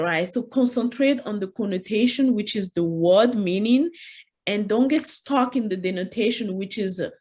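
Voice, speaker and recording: Her voice is medium-pitched and a touch mellow as she leads an interactive online leadership workshop. Standing at her computer on a video call, this woman with a French accent talks conversationally and often says "you know."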